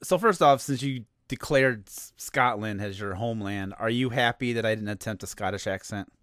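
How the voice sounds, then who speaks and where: Male podcast host, halting delivery, easy laughs, dry close mic. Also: lowish voice, a bit bright, dry recording. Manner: hesitant, halting, laughs easily. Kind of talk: casual podcast chat.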